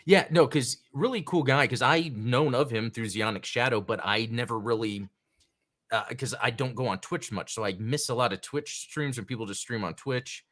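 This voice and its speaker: Speaking at normal speed with a medium, somewhat bright voice, a man hosts a laid-back live-stream chat show. The podcast host chats and rambles, calling out viewers' names from the chat as he says hello.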